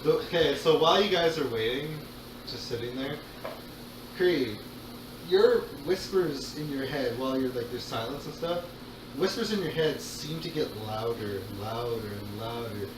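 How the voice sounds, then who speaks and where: A man narrating a tabletop game as game master in an informal, halting way. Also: medium pitch, expressive. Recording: echoey room, far mic, noisy background.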